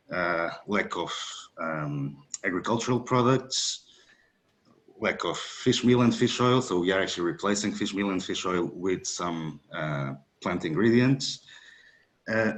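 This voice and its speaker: A man from Portugal giving an academic webinar talk over a video call, measured and hesitant with frequent fillers. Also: deep voice. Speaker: guest speaker.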